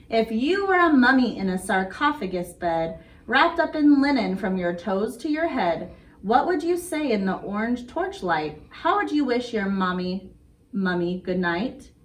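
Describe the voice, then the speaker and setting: A woman in a mid-range, sing-song voice, speaking a little slowly, reads a picture book to young children and walks them through a craft. Her talk stays simple, as a story-time host's would. The sound is noisy and recorded from a distance.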